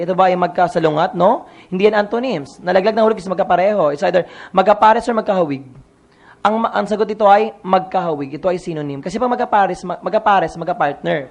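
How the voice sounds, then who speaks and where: Gravelly Filipino-accented male teacher. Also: high voice. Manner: drills questions and answers, mixing in English. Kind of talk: exam review lecture.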